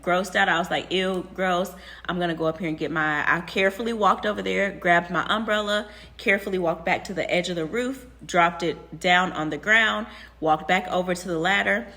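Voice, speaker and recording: A young woman talking quietly, half-whispering, as she shares advice from an empty classroom. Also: on the low side. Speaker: vlogger. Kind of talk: casual spoken advice.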